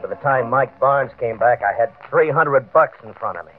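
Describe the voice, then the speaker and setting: An old-time radio crime drama, heard as narrow-band vintage audio with faint music, features an actor as a desperate, nervous small-time gambler recounting his downfall. His mid-range voice is expressive, at a normal speed and close to everyday speech, brooding and full of tough-guy slang, stammering under pressure.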